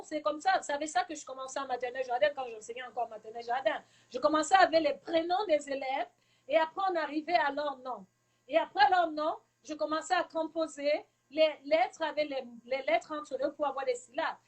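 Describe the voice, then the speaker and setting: A woman from Cameroon, a teacher, giving earnest advice to parents in a live talk and repeating her key points for emphasis. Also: high voice.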